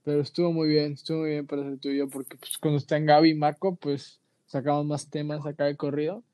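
A man's voice: on the high side, quick pace, dry recording. A young man with a Mexican accent co-hosting a podcast, chatting casually in slang and telling stories with energy. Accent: Mexican Spanish. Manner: slangy, animated storytelling. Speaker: podcast co-host.

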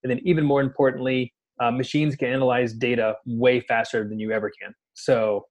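A man in easy casual conversation as a podcast co-host. He talks in a relaxed, unhurried way and laughs readily. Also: mid-range voice, dull audio. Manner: easygoing, laughs often, many fillers. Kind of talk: casual chat.

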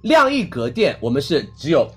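A man hosting a livestream sale, pitching products energetically and coaxing viewers to agree with him. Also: moderate pace, breathy edge, soft background music. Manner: energetic, coaxing, keeps asking the audience to agree. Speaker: livestream sales host. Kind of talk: fast livestream selling pitch.

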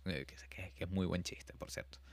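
Low-voiced Venezuelan man, easygoing. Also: moderate pace, vocal fry, no echo. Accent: Venezuelan Spanish. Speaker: podcast co-host. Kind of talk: casual film-review chat.

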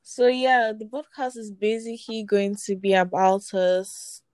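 A nineteen-year-old woman co-hosting a podcast, chatting casually with animated, laughing banter. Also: mid-range voice, unhurried, no echo. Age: teens. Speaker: podcast co-host. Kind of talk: casual chat.

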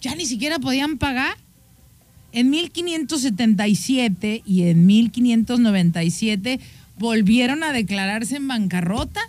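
A woman's voice: fairly high pitch, moderate pace, darkish tone, no echo. A woman with a Mexican accent hosts a show. She tells history in a casual, playful, teasing way. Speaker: host.

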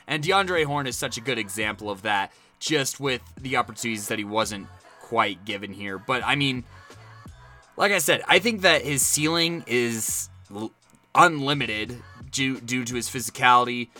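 A man's voice: mid-range voice, lively intonation, normal speed, sharp tone, faint music behind. An American man giving casual sports analysis as a co-host, talking discursively and piling up points.

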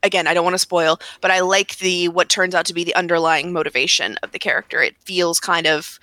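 A woman chatting casually about video games on a podcast, talking fast with lots of "like" fillers and restarts. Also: fairly low pitch, fairly even intonation, sharp tone, no room sound. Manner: rapid, full of "like" fillers and restarts. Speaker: podcast panelist.

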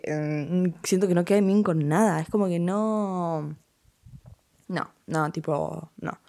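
A teenage girl speaks in a lowish, warm voice with an Argentine Spanish accent. Her casual vlog is full of curt, dismissive takes on fashion, and "no" comes up repeatedly.

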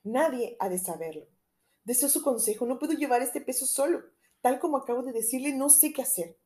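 A woman reading as a nervous gentleman in confidence. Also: expressive, a little fast. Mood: confiding. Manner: urgent, confiding, lowered voice. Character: anxious middle-aged man, a troubled country gentleman. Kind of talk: audiobook reading.

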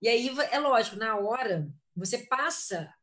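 A woman's voice: a little high, expressive, moderate pace, fairly bright tone. A Brazilian woman co-hosting a casual live chat, speaking hesitantly with many fillers. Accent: Brazilian Portuguese.

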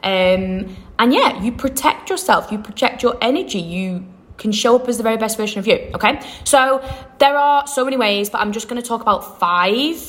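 A woman's voice: fairly high pitch, animated, normal speed, a bit bright. A young woman hosting a self-help podcast, talking in an upbeat, encouraging way, rambling and correcting herself as she goes. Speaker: podcast host.

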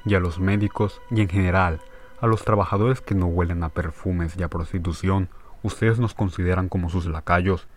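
A man's voice: low-pitched, close to an everyday voice. A man reading the part of a grieving country doctor who speaks with harsh, emphatic scorn.

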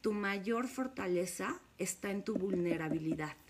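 A woman's voice: mid-range voice, expressive, a little slow, background noise. A woman with a Mexican accent, a spiritual course leader, speaking to her viewers in a frank, emphatic confessional monologue.

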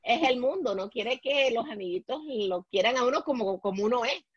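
A woman's voice: fairly high pitch, animated, brisk, husky, dry recording. A woman, recounting her own experiences as an interview guest. She drops in English words and restarts often, and her voice is dry and dull, as if from a lo-fi mic. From Puerto Rico. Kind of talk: personal storytelling in conversation. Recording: dull, lo-fi sound.

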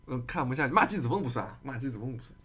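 A man's voice: mid-range voice, animated, racing, pushed and bright, husky. A man hosting a casual livestream chat, arguing his case with many rhetorical questions. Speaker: streamer host.

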